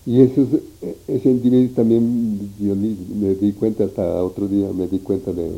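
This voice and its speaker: A man's voice: lowish voice, little pitch movement, moderate pace, phone-quality sound. A man telling a meandering, folksy story from his past. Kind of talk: oral history recollection.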